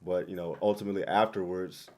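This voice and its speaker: A young man speaks in a deep, low-pitched voice, relaxed and conversational. He tells stories with plenty of fillers, like a former quarterback looking back in a casual interview. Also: fast. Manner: relaxed storytelling with fillers and laughs.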